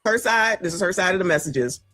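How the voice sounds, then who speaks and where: A woman's voice: fairly low pitch, expressive, fairly quick, sharp tone, no echo, soft background music. A woman hosting a casual podcast, reading messages aloud and quipping about them. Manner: reads messages aloud, quips.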